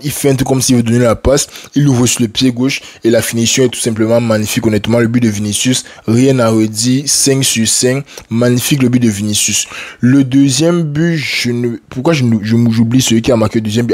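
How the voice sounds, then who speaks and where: A man's voice: mid-range voice, darkish tone, breathy edge. Chatty man breaking down a match. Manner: conversational, drops English words like "like", frequent restarts. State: a little sick, coughing. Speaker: football analyst, video host. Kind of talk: casual match debrief monologue.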